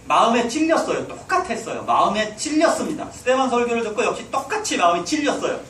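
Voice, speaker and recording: A man's voice: extremely high pitch, big pitch swings, quick pace, fairly bright tone, slight background noise. A man preaching a sermon in a church, urging his listeners on and putting rhetorical questions to them. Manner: exhorting, asks the hall rhetorical questions. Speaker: pastor. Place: church sanctuary. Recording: echoey hall, mic at a distance.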